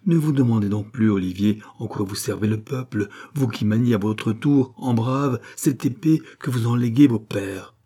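A man's voice: fairly low pitch, moderate pace, few pauses, mellow, husky. A man reading aloud, voicing an imperious queen of an old novel in a somewhat raised voice. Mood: proud. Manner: imperious, pleading then commanding. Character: proud imperious queen, a grown woman.

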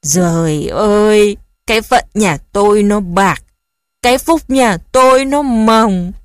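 Woman doing a bossy old mother-in-law, wailing and scolding, loud, dry. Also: mid-range voice, lively intonation, takes it slowly, no room sound. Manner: lamenting, scolding. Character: elderly rural mother-in-law, wailing and domineering.

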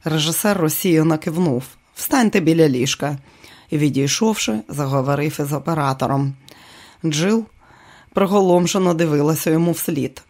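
A narrator reading an audiobook in a steady, even manner. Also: mid-range voice, normal speed.

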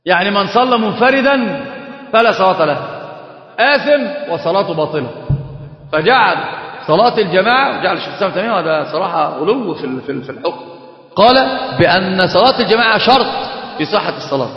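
A high-voiced man with an Egyptian accent lectures at a quick clip, firing rhetorical questions and answering them himself. His voice rings through a large, reverberant hall. The recording is dull and lo-fi, like an old lecture tape. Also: lively intonation. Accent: Egyptian Arabic. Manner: repeats words and restarts. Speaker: Islamic scholar teaching a lesson. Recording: echoey hall, dull lo-fi sound.

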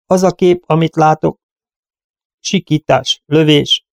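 A man's voice: a little high, vocal fry, dry recording, clean studio sound, pitched above the performer's own voice. A man voicing a cold, resolute young man who speaks curtly and bluntly. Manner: curt, blunt.

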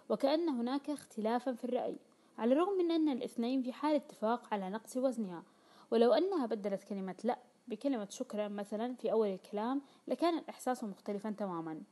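A woman reads a self-help audiobook in an explanatory way. She moves quickly and her voice sits a little high. The tone is warm and mellow. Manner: explanatory, with quoted dialogue in colloquial speech. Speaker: audiobook reader.

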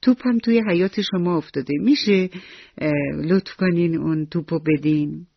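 A woman's voice: lowish voice, vocal fry, breathy edge, no echo. A woman doing an eager little boy. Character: eager polite young boy. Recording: dull lo-fi radio recording.

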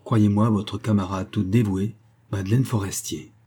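A man's voice: lowish voice, steady tone, moderate pace, warm tone, slightly rough. A man voicing an anxious young woman whose husband is dying, in a pleading, earnest tone.

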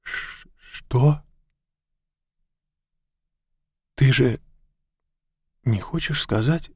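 A man's voice: low voice, steady tone, normal speed, darkish tone, no echo, studio quality. A man voicing a bewildered grown man in an audiobook, hesitant and questioning. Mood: confused.

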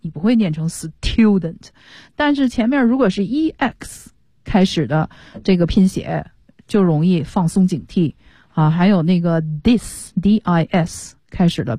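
A woman's voice: on the low side, dark tone, dry recording. A woman English teacher on a studio radio show, patiently explaining pronunciation step by step.

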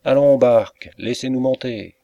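A man reading an audiobook, voicing a calm, commanding male police inspector. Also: mid-range voice, unhurried, no echo, highs cut off, natural voice. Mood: firm. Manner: steady, commanding.

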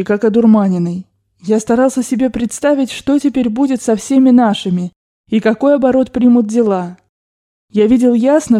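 A woman narrating a classic novel as an audiobook reader, in a measured storytelling manner. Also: fairly high pitch, dark tone.

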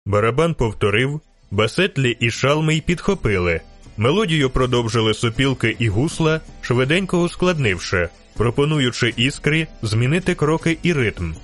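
A man reading an audiobook in steady, rhythmic scripted narration. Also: medium pitch, normal speed. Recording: narration over faint music.

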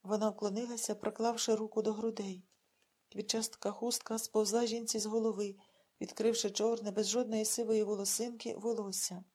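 Woman audiobook narrator, measured, expressive, mellow and husky. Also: mid-range voice. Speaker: audiobook reader.

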